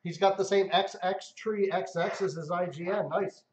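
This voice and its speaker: A man with a high voice and fairly even intonation hosts a casual livestream at normal speed, chatting upbeat with his viewers and giving away cars. The sound is roomy, dull, and lo-fi.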